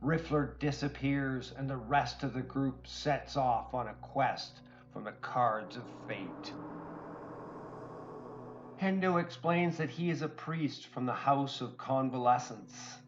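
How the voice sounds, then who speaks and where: A man narrating a tabletop game recap as game master, in measured, even storytelling. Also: mid-range voice, muffled recording, soft background music.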